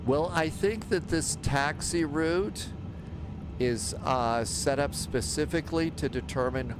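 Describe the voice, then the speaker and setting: A man's voice: a little high, slow pace. A man hosting a flight simulator livestream, chatting casually and thinking aloud as he narrates his steps. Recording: clear aircraft engine noise behind. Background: simulator aircraft noise.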